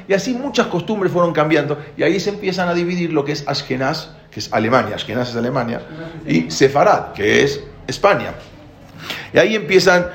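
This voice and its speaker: A man's voice: medium pitch, vocal fry, reverberant. A man giving a spoken Torah lesson to a class, explaining with many restarts and rhetorical questions. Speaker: rabbi teaching a class.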